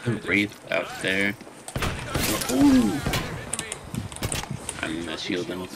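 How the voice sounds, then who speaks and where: A man with a lowish voice that swings around a lot as he jokes crudely through a match. He laughs readily and keeps the banter goofy. Loud noise sits under everything. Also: huge pitch swings, takes it slowly, creaky. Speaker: gaming friend. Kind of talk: casual gaming chat.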